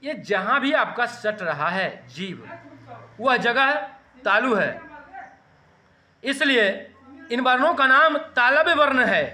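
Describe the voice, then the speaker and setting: Male teacher, measured delivery, high bright voice, for a grammar lesson. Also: expressive, a little hiss or hum. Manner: slow, deliberate, sounding out letters for students to repeat.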